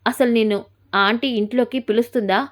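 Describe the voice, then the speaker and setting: A woman's voice: a little high, steady tone, a little fast, close to an everyday voice. A woman voicing a frank young female friend who bluntly reproaches her friend, in a retold serial story. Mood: reproachful.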